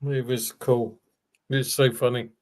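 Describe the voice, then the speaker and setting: A woman's voice: rumbling low, flat delivery, a little slow, crowd noise. An English woman on a casual panel who tells rambling anecdotes packed with "you know" fillers. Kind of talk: casual chat.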